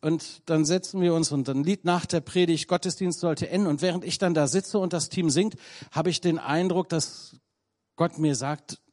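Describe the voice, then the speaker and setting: A man preaching a sermon in German, telling a story with a conversational touch, lively at times and hushed at others. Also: fairly high pitch, normal speed.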